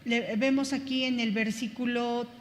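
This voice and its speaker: High-voiced woman teaching a Bible class. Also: steady tone, measured pace, long reverb tail. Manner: thinking aloud, many fillers and restarts. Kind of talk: Bible study lecture.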